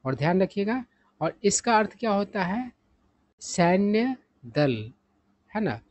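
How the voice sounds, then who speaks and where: A man's voice: sits high, sing-song, takes it slowly, darkish tone, no room sound. A man teaching English vocabulary, patient and repetitive, often asking the listener rhetorical questions. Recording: dull, lo-fi sound.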